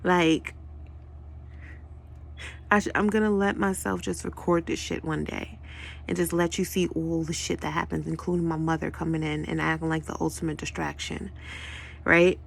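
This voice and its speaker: Woman, low-pitched, gravelly voice, sarcastic, rambling casual monologue. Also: little pitch movement, moderate pace, long pauses, a little hiss or hum. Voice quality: profane, rambling, sarcastic asides. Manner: frequent self-corrections and tangents.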